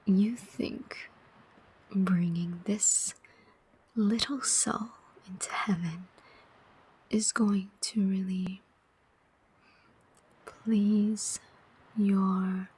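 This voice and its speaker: In an ASMR roleplay, a woman plays a cunning female demon, speaking almost entirely in a breathy whisper with very little clear tone. She is extremely slow and deliberate, taunting her listener in a mocking, heavily acted way. Her voice is medium in pitch, steady and warm.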